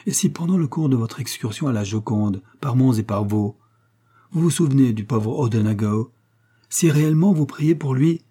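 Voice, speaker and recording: A man voicing a smooth-talking young preacher in prison in an audiobook, speaking in an unctuous, fervent manner. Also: medium pitch, dark tone. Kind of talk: audiobook character reading.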